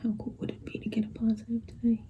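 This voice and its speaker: A woman's voice: on the high side, completely flat delivery, quick pace, mellow. A young adult woman whispering a personal vlog, tearful and nervous. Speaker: vlogger filming a pregnancy test. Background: guitar music.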